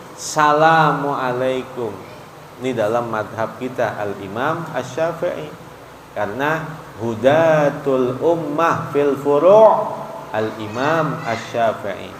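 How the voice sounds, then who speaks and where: A man giving a mosque study sermon, chanting Arabic phrases slowly and then explaining them briskly. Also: medium pitch, a little hiss or hum. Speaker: religious teacher. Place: mosque hall. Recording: echoey hall, faint ambience.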